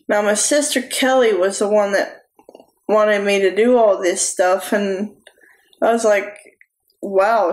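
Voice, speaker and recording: A young woman giving a personal testimony sermon straight to camera, talking slowly and haltingly with restarts. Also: mid-range voice. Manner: slow, halting delivery with restarts. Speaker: preacher. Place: small room indoors. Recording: echoey room.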